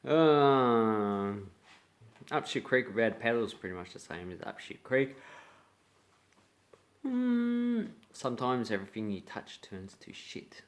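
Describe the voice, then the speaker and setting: A man's voice: medium pitch, big pitch swings, takes it slowly. Blunt Australian man teaching slang. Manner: blunt, playful, acts out example lines. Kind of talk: casual video lesson.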